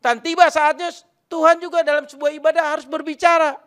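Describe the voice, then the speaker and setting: A man's voice: extremely high pitch, little pitch movement, a little fast, a bit bright. A male pastor preaching a sermon, emphatic and repetitive, often turning to address the congregation directly.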